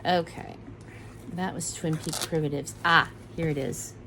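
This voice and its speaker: A middle-aged woman vlogger talks in an unhurried, chatty way, pausing and correcting herself as she rambles along. Her voice sits a little low for a woman, with a faint hiss of room noise behind her. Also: steady tone, pushed and bright, poor audio. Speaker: cross-stitch vlogger. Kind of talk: casual show-and-tell chat.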